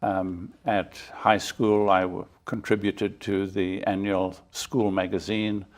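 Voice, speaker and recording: A man, an author guest recounting his background in a measured, matter-of-fact way. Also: on the low side. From South Africa. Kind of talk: interview answers.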